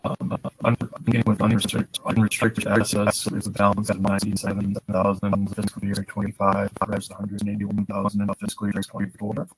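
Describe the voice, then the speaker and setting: A man's voice: fairly low pitch, monotone, slightly rough, rough recording. Man on a choppy, breaking-up video call. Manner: measured, with frequent "uh" fillers. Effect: choppy, breaking-up video call audio. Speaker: senior accountant. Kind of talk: presenting a financial report in a meeting. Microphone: remote computer microphone on a video call.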